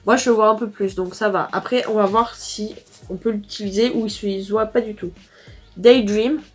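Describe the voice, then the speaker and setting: Teen girl from France, casual beauty vlogger, chatty and rambling, mid pitch, faint music under. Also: fairly even intonation, a little fast, husky. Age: teens. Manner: chatty, rambling with fillers and restarts. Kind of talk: casual makeup review.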